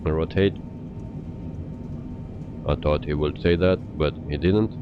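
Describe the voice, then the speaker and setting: Man from Belgium, low voice, casual streamer commentary, slightly muffled mic, faint rumble behind. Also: steady tone, takes it slowly. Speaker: flight simulator live streamer. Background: aircraft rumble.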